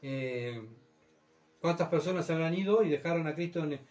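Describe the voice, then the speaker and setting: A man's voice: fairly high pitch, moderate pace, darkish tone, lo-fi sound. A middle-aged man, preaching a sermon as pastor and often asking the congregation whether they follow. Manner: keeps asking the congregation for agreement.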